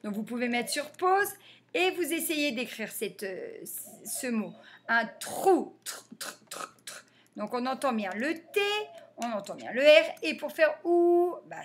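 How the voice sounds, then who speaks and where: A woman teacher giving a reading lesson to young children, sounding out letters and syllables slowly and clearly. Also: high-pitched, a little hiss or hum. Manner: slow, over-articulated sounding out of letters.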